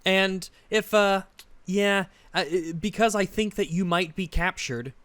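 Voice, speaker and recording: A man playing a worried male senator who rambles, halting, through a message. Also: sits high, a bit bright, clean tone, no room sound.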